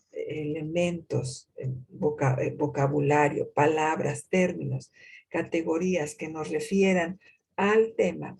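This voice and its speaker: A woman giving a university lecture in a deliberate way, posing rhetorical questions to herself and pausing often with hesitations. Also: mid-range voice, gravelly, warm tone, husky. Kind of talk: recorded lecture on reading comprehension.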